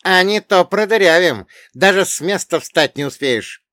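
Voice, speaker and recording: A man's voice: medium pitch, lively intonation, slow pace, pushed and bright, no room sound, studio quality, full character voice. A man voicing a hotheaded young male thug who barks threats. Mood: threatening. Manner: barking threats.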